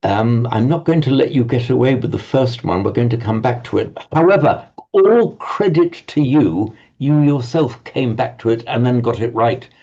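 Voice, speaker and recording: Teaching an online Sanskrit class, a man patiently corrects pronunciation, often stammering and repeating his words in a halting way. His voice is medium-pitched, expressive and dark in tone, with the highs cut off.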